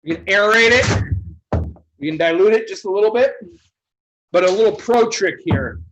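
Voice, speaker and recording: Relaxed joking bartender man. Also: sits high, normal speed, dull audio. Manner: loose, joking, swears casually. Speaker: bartender teaching a cocktail class. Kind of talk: casual livestream cocktail class.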